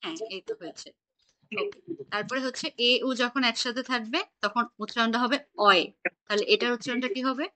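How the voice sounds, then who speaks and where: A woman's voice: fairly high pitch, fairly quick, pushed and bright. A woman teaching an online German class, patiently quizzing her students on pronunciation over a video call.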